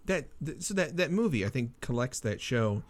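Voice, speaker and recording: A man's voice: medium pitch, lively intonation, moderate pace. A man hosting a casual comics podcast, joking and laughing often with plenty of fillers. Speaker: podcast host. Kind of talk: casual chat.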